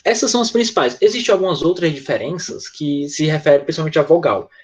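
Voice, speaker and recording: A male English teacher explaining pronunciation in an online class, patient, often checking in with quick tag questions. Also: fairly high pitch, expressive.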